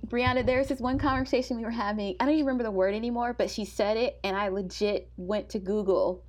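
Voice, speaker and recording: A young woman co-hosting a podcast, chatting casually in a soft, comforting voice and laughing often. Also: a little high, fast. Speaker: podcast co-host. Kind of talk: casual chat.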